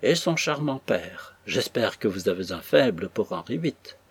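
A man's voice: lowish voice, sing-song, unhurried, husky, dry recording, exaggerated voice. A man reading an audiobook, voicing an effusive, theatrical elderly society lady. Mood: gushing. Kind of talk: audiobook character voice.

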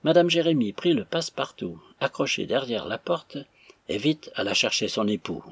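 A man narrating an audiobook in an expressive, animated way. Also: mid-range voice, moderate pace, husky, dry recording. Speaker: audiobook reader.

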